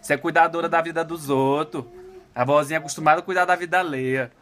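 A man's voice: fairly high pitch, fairly even intonation, fast talker, a bit bright, soft background music. A man teasing and haggling playfully in bantering home-video talk.

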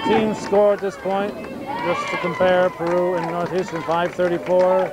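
A man giving relaxed, conversational play-by-play of a high school bowling match in a bowling alley. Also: measured pace. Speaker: local cable bowling commentator. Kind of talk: play-by-play commentary. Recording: loud alley noise and crowd, amateur cable video. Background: rumbling lanes and chatter.

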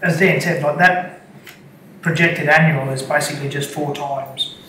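A man speaks as a councillor in a flat, slightly high voice, stumbling and restarting as he works through his points. He sounds distant in an echoing council chamber with room noise behind him. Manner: halting, many restarts. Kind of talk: formal meeting discussion. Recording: echoey chamber, distant mic, noisy.

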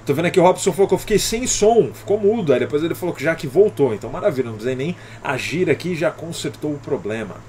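A man's voice: fairly high pitch, animated, quick pace, few pauses, darkish tone, a little hiss or hum. A man with a Brazilian Portuguese accent teaching English on a live stream, explaining patiently and greeting viewers by name, often ending with "alright?".

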